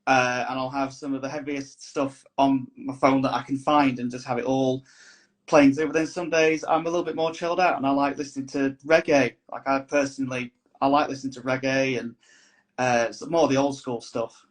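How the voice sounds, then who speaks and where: Man, podcast guest, rambling, thoughtful, casual chat. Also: medium pitch. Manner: rambling, thoughtful, many restarts. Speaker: musician guest.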